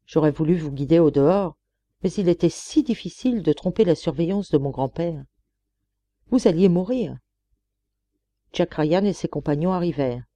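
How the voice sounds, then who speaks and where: Woman voicing an earnest young woman in a storybook, self-sacrificing, pleading, mellow warm tone, close dry sound. She speaks with quiet resolve. The voice stays soft and dark. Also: on the low side, dry recording, lightly acted. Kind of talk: audiobook character reading.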